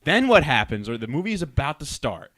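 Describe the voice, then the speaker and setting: A man's voice: on the high side, big pitch swings, a little fast, a bit bright, no room sound. A man co-hosting a podcast, telling a rambling, profane story in casual chat. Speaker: podcast co-host.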